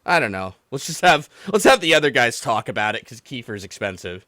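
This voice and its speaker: With a medium-pitched voice and a brisk delivery, a livestream host grumbles about a game in an exasperated, animated, rambling, and profane manner, imitating others through mock quotes. He hosts a podcast and livestream where he takes callers, and the studio-quality sound has no echo.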